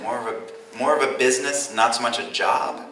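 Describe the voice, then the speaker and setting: A man's voice: medium pitch, steady tone, moderate pace, sharp tone. A man answering fan questions at a convention panel in a chatty, self-deprecating, rambling way. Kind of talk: casual panel Q&A. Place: large convention hall, live audience. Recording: echoey convention hall, distant mic, faint hiss.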